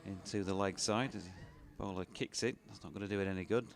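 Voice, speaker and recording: Bloke calling cricket on radio, lowish voice, easygoing and chatty. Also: male voice, fast talker, creaky. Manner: relaxed, chatty, with fillers and laughs between balls. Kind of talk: ball-by-ball radio commentary.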